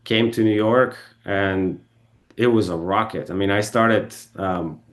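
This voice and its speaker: A man's voice: lowish voice, measured pace. A man from Bulgaria, a podcast guest telling car stories in a rambling way, full of ums and restarts. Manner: rambling, self-correcting, with frequent ums and restarts. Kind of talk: casual storytelling interview. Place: podcast studio.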